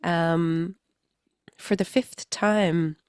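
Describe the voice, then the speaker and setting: A woman's voice: lowish voice, fairly even intonation, extremely slow, clear, resonant tone, no echo. Woman cohost, stuffy flu voice, giggly and playful, dry close sound. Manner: laughs often, playful. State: congested from a flu. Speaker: podcast co-host. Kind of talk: casual chat.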